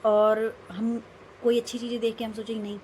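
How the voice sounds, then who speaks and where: A woman's voice: fairly high pitch, flat delivery, fairly quick, a little mellow, slight background noise. A young woman vlogging casually, telling a rambling, emphatic story about her day. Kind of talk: casual vlog monologue.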